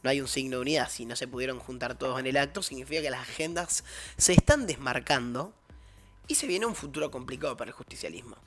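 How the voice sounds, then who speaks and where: A man's voice: mid-range voice, animated, quick pace. A man with an Argentine accent, a guest analyst explaining politics in casual discussion, often restarting and correcting himself.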